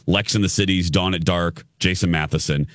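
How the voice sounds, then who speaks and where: A man's voice: low voice, fairly even intonation, brisk, a bit bright, dry recording, clean studio sound. A man hosting a morning radio show, chatting casually and giving opinions in an informal way. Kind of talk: casual talk radio chat. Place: radio studio.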